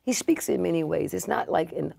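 This sixtysomething pastor, a guest in a relaxed interview, has a lowish voice with lively intonation and talks a little fast; she's emphatic, repeats herself, and often slips into a soft, breathy register.

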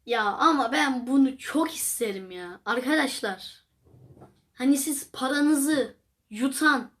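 A woman's voice: high-pitched, slow pace, a bit bright. A young woman hosting a casual reaction video, rambling and exclamatory as she talks straight to her viewers. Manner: chatty, rambling, exclamatory, addresses viewers as friends. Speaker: video host reacting to clips.

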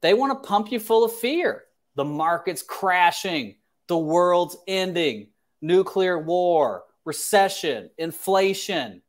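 Working from a small indoor home office, a thirty-something financial advisor runs an advice livestream. He talks slowly in a high, expressive voice, stressing his points and repeating phrases for emphasis.

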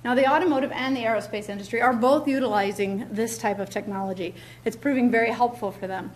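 A woman's voice: fairly high pitch, fast, slight background noise. A middle-aged woman giving a keynote lecture at a podium in a large lecture hall, emphatic, repeating key words, with frequent ums. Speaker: keynote speaker. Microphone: podium mic, filmed from far back.

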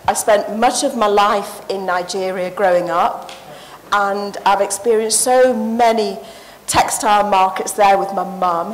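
A woman's voice: mid-range voice, rough recording. A woman, giving an earnest, passionate conference talk into a handheld mic on a stage. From Sri Lanka. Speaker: conference paper presenter. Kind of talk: conference presentation.

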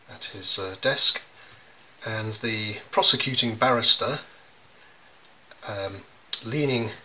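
A man's voice: on the low side, pushed and bright, poor audio. Chatty English man explaining his sketches. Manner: chatty, many ums and restarts. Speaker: children's poet and illustrator. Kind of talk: casual explanatory demonstration.

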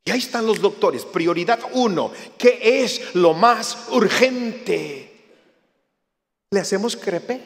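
A man giving a lively church talk, a jokey storyteller who acts out other people's lines. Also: sits high, takes it slowly, vocal fry. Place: church hall. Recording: reverberant hall.

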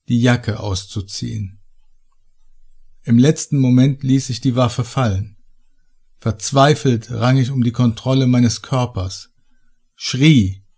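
A male audiobook narrator tells a first-person horror story at an unhurried pace. His mid-range voice stays measured and tense throughout. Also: medium pitch, mellow.

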